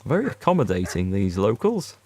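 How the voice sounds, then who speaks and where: Here a man streams a game and talks casually to his audience, reading viewer chat out loud and answering it. His fairly low voice swings hugely in pitch, moves a little fast, and sounds a little mellow, with faint music behind him.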